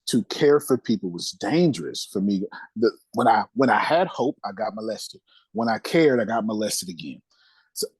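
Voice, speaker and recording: Here the interviewed podcast guest speaks in a lowish, slightly mellow voice with a bit of roughness, captured on a dry recording. He shares his life story openly and with conviction, using streetwise slang and repeating lines for weight.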